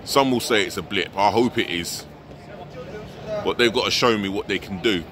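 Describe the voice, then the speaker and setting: A man's voice: fairly low pitch, normal speed, crowd noise. A middle-aged man filming himself outdoors by a stadium, venting frankly as a fan ahead of a match, the camera held at arm's length. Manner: frank, exasperated fan venting about his team. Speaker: football fan vlogger, host. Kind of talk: pre-match vlog to camera. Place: outdoors by a large stadium, city plaza. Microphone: handheld camera at arm's length.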